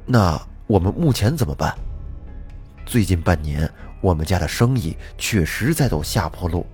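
A man's voice: deep voice, lively intonation, moderate pace, a little mellow, faint music behind, pitched below the performer's own voice. A man voicing a worried middle-aged village father pleading for help.

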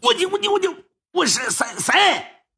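A cranky house servant from a folk story, stumbling over his words, as a male narrator puts him on. The voice is husky and jumps all over in pitch. He comes off gruff and easily rattled. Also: wildly swooping pitch, normal speed, a bit bright, exaggerated voice. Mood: flustered. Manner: stammering, gruff. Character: flustered grumpy gatekeeper servant.

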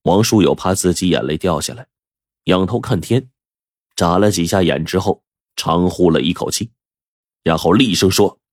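A male storyteller with a low, husky voice that rises and falls with lively expression as he narrates. The sound is dry and close to the mic, with no room around it. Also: moderate pace, no room sound. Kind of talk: dramatic storytelling.

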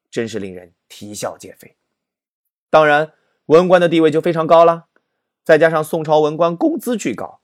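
Comic history narrator, man, lively pitch swings, raised voice, animated. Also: no echo, clean studio sound. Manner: animated, exaggerated storyteller.

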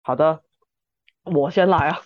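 A man's voice: fairly high pitch, a little slow, no echo. A man with chatting casually and informally about film as a podcast host. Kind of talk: casual film discussion chat. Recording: dull lo-fi sound, music behind.

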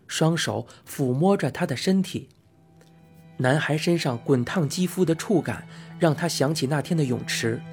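A man narrating a novel as an audiobook in a soft, unhurried, intimate way. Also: fairly high pitch. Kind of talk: scripted narration.

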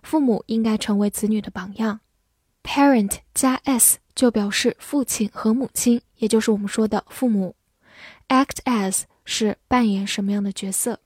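A woman whose first language is Mandarin, with a fairly high voice, teaches English vocabulary. She spells each word letter by letter and reads example sentences slowly and carefully. The recording is close and dry. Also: darkish tone, husky, no room sound. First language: Mandarin Chinese. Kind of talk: scripted vocabulary lesson.

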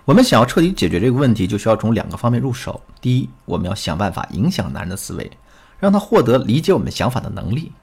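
A man coaching listeners in a recorded lesson, telling stories with a tutor's tone. His voice sits low and a little husky, yet swings widely in pitch as he talks. Soft music plays faintly underneath. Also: fast. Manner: animated storyteller, tutoring tone. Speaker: relationship coach.

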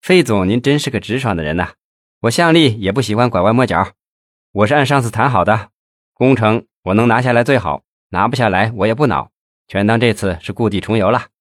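A man voicing a confident, blunt businesswoman who teases her host with sharp, mocking frankness. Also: fairly low pitch, a little fast, no echo, studio quality, close to an everyday voice. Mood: teasing. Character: confident businesswoman, company chairwoman, teasing and blunt.

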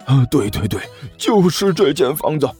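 Man doing a slow, sentimental old master. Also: on the high side, sing-song, dark tone, faint music behind, pitched above the performer's own voice. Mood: sentimental, insistent. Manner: slow, drawn-out, emotional. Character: older male master, sentimental and stubborn.

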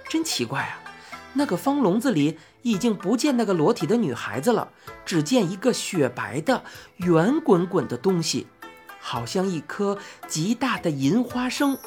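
A woman narrating a children's storybook in a clear, even reading voice. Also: medium pitch, normal speed, soft background music.

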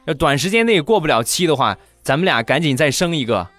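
A man putting on the voice of his shrill, scolding young wife. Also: sing-song, quick pace.

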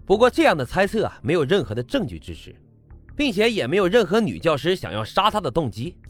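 A man's voice: on the high side, huge pitch swings, fast, faint music behind. A man hosting as a true crime narrator, telling a scripted story in a colloquial storyteller's way with rhetorical questions. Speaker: true crime podcast host.

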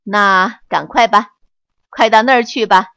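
A woman voicing the monkey's calm, wry adult owner in a dry, teasing, lowered voice. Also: measured pace, dry recording. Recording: dull lo-fi, dry.

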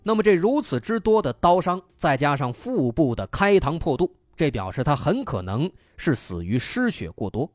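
A man's voice: on the high side, sing-song, normal speed, hardly any pauses, no room sound, clean studio sound. A man narrating true crime as a storyteller, explaining step by step and posing rhetorical questions. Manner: explanatory, poses rhetorical questions and reasons through them. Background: background music.

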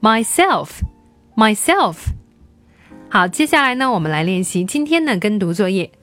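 A woman teaching English to young children, slowly repeating words for them to follow. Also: mid-range voice, sing-song, fairly bright tone, faint music behind.

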